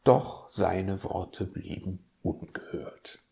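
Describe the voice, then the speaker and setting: Low creaky guy reading a kids story, slow, lots of melody. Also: heavy background noise. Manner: expressive, lively telling.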